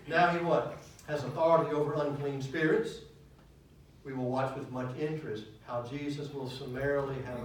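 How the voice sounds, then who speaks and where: A man leading a church Bible study, animated and asking his listeners questions as he teaches. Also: mid-range voice, a little hiss or hum. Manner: animated, asks questions of the class. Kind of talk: teaching sermon. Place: church hall. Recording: echoey hall, mic at a distance.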